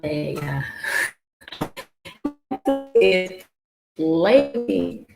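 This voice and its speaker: A woman hosting a casual livestream, talking slowly and haltingly with many fillers and restarts. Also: sits low, wildly swooping pitch, creaky. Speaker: livestream host. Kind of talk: casual livestream talk about history. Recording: echoey room with faint guitar music.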